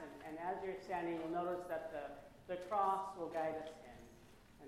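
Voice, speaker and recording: Pastor with a booming cathedral echo. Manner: gentle, measured, welcoming instructions with small restarts. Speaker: pastor leading a service. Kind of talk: liturgical greeting and service instructions. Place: large church at a Christmas Eve service. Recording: heavy cathedral-like church reverb.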